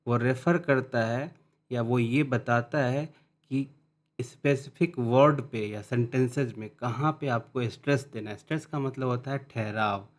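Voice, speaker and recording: Man teaching phonetics, slow readouts. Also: mid-range voice. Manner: reads English definitions slowly, then explains in Hindi; restarts and repeats words while explaining. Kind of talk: explaining English phonetics.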